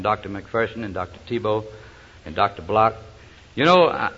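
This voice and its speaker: A man's voice: medium pitch, a bit bright, a little hiss or hum. A man, speaking from a platform at a recovery meeting, telling his story in a folksy way with a lot of hesitations. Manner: folksy storyteller, frequent uh's. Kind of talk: personal testimony talk with jokes. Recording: dull lo-fi recording.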